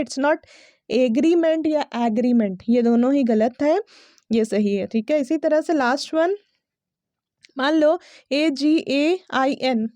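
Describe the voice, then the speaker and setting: A woman gives a casual pronunciation lesson, her voice high and mellow. She spells words out letter by letter, drawing them out slowly and often checking that her listeners are following. The sound is close and dry, with no room echo. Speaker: English pronunciation teacher.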